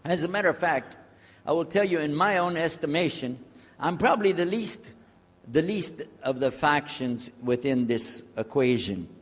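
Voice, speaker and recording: A man giving a casual, joking lecture to a live audience, checking in with them as he talks. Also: medium pitch. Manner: jokey, chatty, checks in with the audience. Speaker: speaker on Islamic outreach. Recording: long hall reverb.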